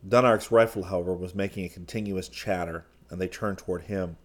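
A man narrating a science-fiction audiobook in a steady, measured reading. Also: deep voice.

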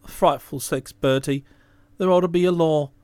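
A woman voicing a jilted, gloomy young Englishman who speaks in a hollow, halting way. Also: low voice, a little mellow, clean tone, no room sound, pitched below the performer's own voice, lightly acted. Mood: aggrieved.

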